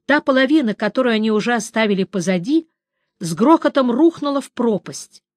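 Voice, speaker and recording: A woman narrating a fantasy audiobook in a measured, dramatic reading. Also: medium pitch, no room sound, studio quality. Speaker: audiobook reader.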